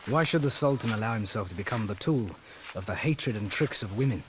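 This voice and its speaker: A man's voice: on the low side, animated, background noise, close to an everyday voice. A man voicing a grave principled young prince. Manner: grave, measured. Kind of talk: English dub of a historical drama.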